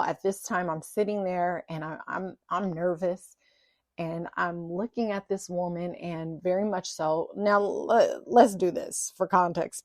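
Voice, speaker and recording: A woman telling a personal story in a casual, chatty monologue, animated and self-teasing. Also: lowish voice, no room sound, studio quality.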